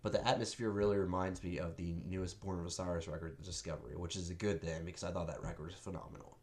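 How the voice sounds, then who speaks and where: Reviewing an album, a young man talks in a low, deep voice that sounds stuffed up and nasal from a cold. His delivery is quick, darkish, and fairly even in intonation, as he casually and bluntly brushes off critics in an offhand, defiant way.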